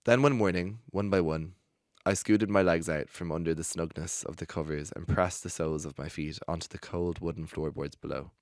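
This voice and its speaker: A low-pitched man reads a personal story aloud as a podcast host. His delivery is expressive, often breaking into laughter. The studio sound is close and dry. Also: fairly quick, no room sound. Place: recording studio.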